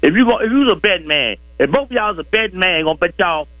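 A man's voice: high-pitched, expressive, quick pace, no echo. A man calling in over the phone to a sports talk show, insistent and repeating himself as he banters. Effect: heard over a phone line. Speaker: caller. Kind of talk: casual sports call-in banter. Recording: tinny phone line.

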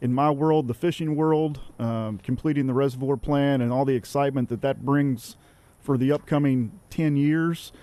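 Male radio guest; soft-edged mellow voice, articulate, upbeat, conversational. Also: mid-range voice, fairly even intonation, normal speed, no echo. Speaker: fisheries agency guest. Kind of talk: casual radio interview talk.

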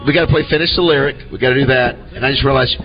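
Quick-talking man hosting radio. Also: mid-range voice. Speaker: radio show host. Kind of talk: casual radio banter. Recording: dull radio audio over music.

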